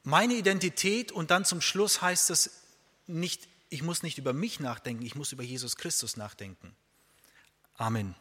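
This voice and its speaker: A man preaching with earnest emphasis, driving his main points home again and again. His voice sits a little high for a man. The words trail off into the long reverb of a large hall. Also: moderate pace, pushed and bright, breathy edge. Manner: earnest, emphatic, repeats key phrases. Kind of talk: sermon.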